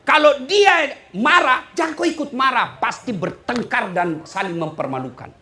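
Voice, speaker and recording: A man preaching a humorous sermon. His voice is bright and sharp, and it swings widely up and down as he bursts into loud emphasis. He breaks into snatches of sung song. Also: very high-pitched, animated, normal speed.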